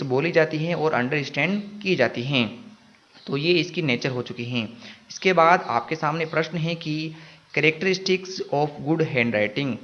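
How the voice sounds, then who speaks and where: A man teaching an exam-prep lesson. He reads short English phrases, then explains them in Hindi, asking questions and answering them himself. His voice sits a little high and the audio is dull and lo-fi. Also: fairly bright tone.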